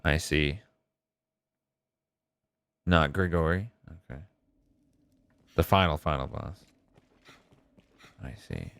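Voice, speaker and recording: A man doing casual live game commentary, thinking out loud and answering viewers as he plays. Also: rumbling low, slow, vocal fry, pauses often, no echo. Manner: reads and answers viewers' messages aloud. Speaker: game streamer. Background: game music.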